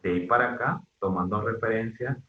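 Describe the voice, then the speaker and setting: A man from northwestern Mexico giving an online university class, halting with fillers and restarts and often checking in with his students. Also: lowish voice. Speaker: university lecturer. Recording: dull echoey lo-fi room sound.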